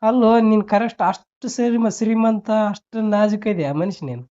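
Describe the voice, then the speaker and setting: His voice sits high and has a warm tone, and he talks a little fast. The man, who has a North Karnataka accent, is on a phone call, casually bantering while he scolds, needles, and repeats his questions; the audio is noisy and band-limited.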